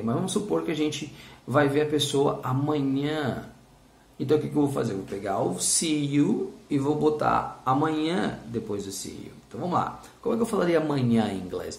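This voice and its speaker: A lively man teaching English in a video lesson, with Portuguese as his first language, drilling his students to repeat after him. His voice has a gravelly, creaky edge, and the recording carries a noticeably echoey room sound. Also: medium pitch.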